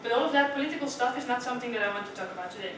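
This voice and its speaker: In an echoing meeting room, recorded from a distance with noise, a young woman from the Netherlands races through a prepared club talk in a slightly high voice. Her style is chatty, full of questions to the audience and frequent "right?"s.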